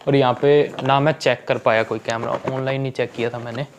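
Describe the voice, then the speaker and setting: A young man talks through an unboxing at home in an easy, chatty way, checking in with the viewer every few lines. His voice sits at an ordinary middle pitch, with a faint hiss behind it. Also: steady tone, a little fast. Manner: chatty, keeps saying "theek hai". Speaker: vlogger. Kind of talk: casual unboxing vlog.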